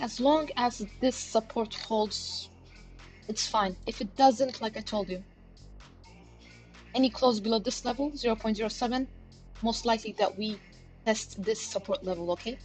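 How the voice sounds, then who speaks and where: Faint music plays behind this woman's livestream, where she analyzes crypto charts and talks casually to her chat, speaking to them directly and leaning heavily on fillers such as "you know" and "okay." Her voice is on the high side, unhurried, with long pauses, and the audio quality is poor.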